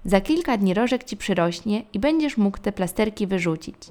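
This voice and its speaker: A woman voicing a kind, resourceful magical mother who talks in a brisk, cheerful, fussing way. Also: medium pitch, animated, darkish tone, natural voice. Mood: gentle scolding.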